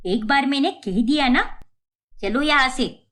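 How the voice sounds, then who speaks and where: A woman's voice: sits high, unhurried, a bit bright. Woman doing a scolding cartoon mother-in-law. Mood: angry scolding. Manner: scolding, harsh. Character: stern middle-aged mother-in-law, easily shamed, scolding.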